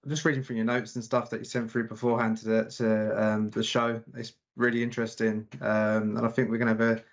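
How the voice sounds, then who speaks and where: A man's voice: on the low side, level tone, fairly quick. A man hosting a podcast, asking questions in a casual, rambling way with frequent restarts. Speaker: podcast host. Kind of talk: conversational podcast interview. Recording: dull lo-fi podcast audio.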